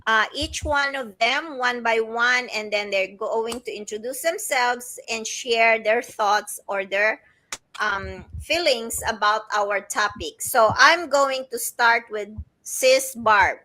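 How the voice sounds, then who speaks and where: A woman's voice: fairly high pitch, slow pace, pushed and bright, poor audio. A woman hosting a livestream panel, introducing the speakers in a friendly way. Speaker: livestream host.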